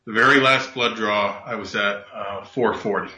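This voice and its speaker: A man's voice: fairly low pitch, normal speed, highs cut off. Man heard over a roomy speakerphone. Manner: explains at length in a steady, factual way. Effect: sounds like a speakerphone. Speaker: regular guest expert. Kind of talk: casual radio talk. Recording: roomy echo through a speakerphone.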